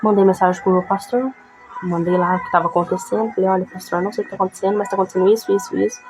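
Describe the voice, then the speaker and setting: A woman gives a personal testimony of faith with a middle pitch, talking plainly and checking in with her listeners as she goes. Faint music plays quietly behind her voice. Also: level tone, rapid-fire, rough recording. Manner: conversational, frequent tag questions. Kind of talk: emotional testimony.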